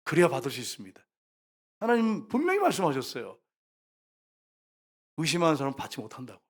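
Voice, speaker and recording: Guy preaching in church, lively, slightly high voice, acts out the bible quotes. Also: quick pace, slightly rough. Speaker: pastor. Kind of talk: sermon. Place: church sanctuary.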